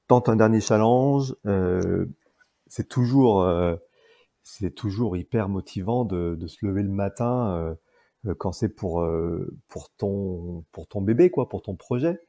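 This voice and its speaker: Gravelly, mellow-voiced man in his forties. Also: low voice, unhurried. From France. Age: 40s. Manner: hesitant, many fillers and restarts. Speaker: guest entrepreneur. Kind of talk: casual podcast interview.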